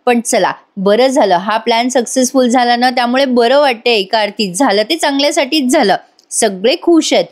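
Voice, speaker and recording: A woman's voice: fairly high pitch, moderate pace, close to an everyday voice. A woman voicing a chatty, kindly older aunt. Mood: relieved.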